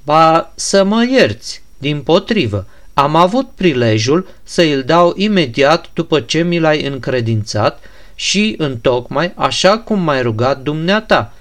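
An unflappable, courteous young prince voiced by a male reader, answering patiently and politely. His voice sits fairly high and stays even in an audiobook scene. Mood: calm. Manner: calm, courteous, even-toned.

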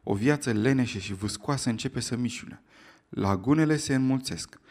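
A man narrates an audiobook at a middle pitch. His storytelling is steady and even. He keeps the telling calm through the story.

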